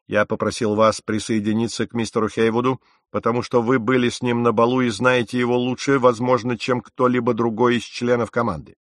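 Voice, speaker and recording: A man's voice: medium pitch, little pitch movement, a little fast, hardly any pauses, no echo, clean studio sound, close to an everyday voice. A man voicing a stern, furious naval captain in an audiobook, sarcastic and commanding. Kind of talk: audiobook character reading.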